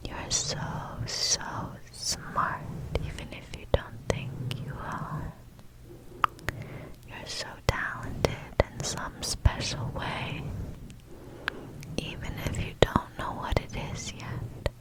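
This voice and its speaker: A young woman giving a whispered ASMR pep talk, reassuring and soothing, gently repeating words. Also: slow, rough recording. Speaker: ASMR host.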